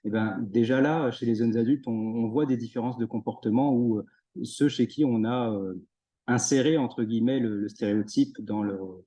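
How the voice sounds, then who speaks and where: A young man answering jury questions at his thesis defense, pausing often with fillers and restarts. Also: mid-range voice, warm tone, muffled recording. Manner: hesitant, many fillers and restarts. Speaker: PhD candidate defending thesis. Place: university room in a Zoom recording.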